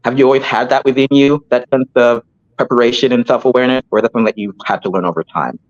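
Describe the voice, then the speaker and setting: A man's voice: medium pitch, fairly even intonation, fast talker. A man hosting an interview, asking open questions and giving brief encouraging responses. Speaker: interview host. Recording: dull lo-fi sound.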